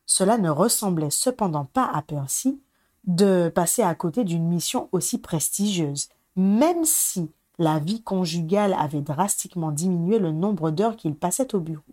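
Low, mellow woman reading a story. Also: animated, normal speed, dry recording, clean studio sound. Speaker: audiobook reader. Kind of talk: storybook narration.

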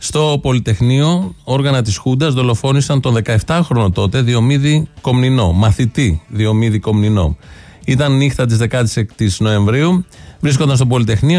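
A man's voice: medium pitch, darkish tone, dry recording. Man narrating solemnly on radio, dry sound. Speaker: radio host.

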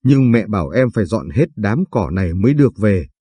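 A frightened young wife, as a male narrator puts her on begs in a tearful, hesitant way. The delivery is soft and mellow with a husky grain, recorded close and dry. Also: fairly low pitch, sing-song, brisk, no echo. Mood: timid. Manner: pleading, sobbing, hesitant.

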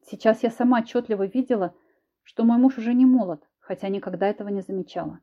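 A woman reading a first-person story aloud with an expressive, dramatic delivery, in a dull lo-fi recording. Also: fairly high pitch, quick pace. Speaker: audiobook narrator.

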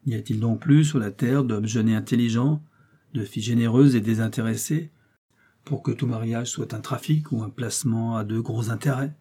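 Male reader plays a defiant young princess, husky and dark-toned, passionate speeches. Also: medium pitch, moderate pace, natural voice. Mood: indignant. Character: proud idealistic young Russian princess.

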